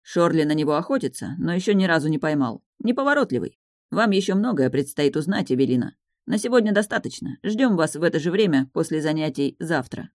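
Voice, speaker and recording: A woman reading the lines of a polite, amused young duke in an audiobook, calm and courteous. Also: sits low, brisk, dry recording, studio quality.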